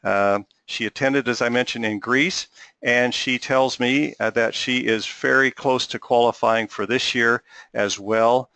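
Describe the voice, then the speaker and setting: A middle-aged man hosting an interview, courteous and halting, with many filler sounds. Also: medium pitch, fairly even intonation, pushed and bright, dry recording. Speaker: host.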